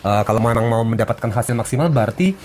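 Male radio host, mid-pitched, chatty and casual, checking for agreement, some background noise. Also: expressive, quick pace, darkish tone. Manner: chatty, frequently seeks agreement with 'ya'. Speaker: radio health show host. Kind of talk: casual talk-show hosting.

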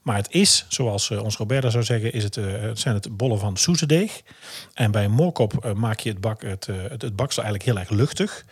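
A man from Brabant with a soft G accent, co-hosting a casual podcast in a chatty, playful way. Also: fairly low pitch, expressive, a little fast, slightly rough. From Brabant, Netherlands. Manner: chatty, playful, laughing often. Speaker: podcast co-host. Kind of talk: casual chat.

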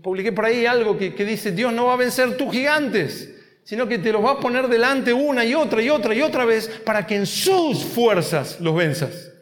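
A male preacher, his voice sitting unusually high for a man. He drives his sermon with lively repetition and playful asides to the congregation. The sound trails off into the long reverb of a large church hall. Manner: animated, repeats words for emphasis, jokes with the congregation. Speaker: pastor. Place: church stage under bright lights.

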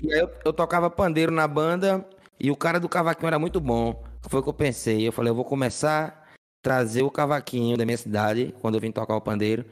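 Plain-spoken Brazilian man, mid-pitched voice. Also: steady tone, fast talker. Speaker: podcast guest, musician. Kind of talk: casual interview storytelling.

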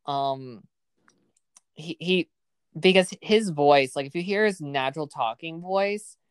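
Low smooth-voiced woman hosting a podcast, says like a lot, dry sound. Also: slow, no echo. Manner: chatty, heavy use of "like". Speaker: podcast host. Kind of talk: casual film review chat.

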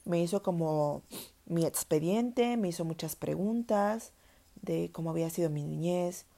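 A woman's voice: fairly low pitch, a little slow, creaky, mellow. A young woman telling her own story in a candid, earnest way, repeating words for emphasis. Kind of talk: personal storytelling monologue.

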